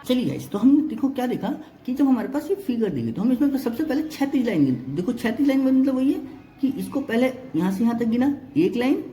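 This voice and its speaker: A man's voice: very high voice, big pitch swings, fast, mellow, reverberant. A male reasoning teacher giving an exam-prep lesson, explaining step by step, counting items aloud and often checking whether students follow.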